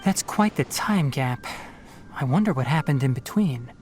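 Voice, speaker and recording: Man as young male investigator, anime game, calm, measured, analytical, varied intonation, soft music behind. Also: medium pitch, lightly acted. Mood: pensive. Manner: measured, pondering.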